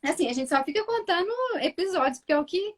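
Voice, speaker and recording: A woman's voice: very high voice, quick pace. A woman from Brazil with a Minas Gerais accent, a mother talking on a live video call, acting out how she talks to her son. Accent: Minas Gerais Portuguese. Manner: animated, acts out talks with her son in a softer voice; frequent restarts and filler asides to viewers. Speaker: mother and guest on a live stream. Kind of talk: casual live-stream chat.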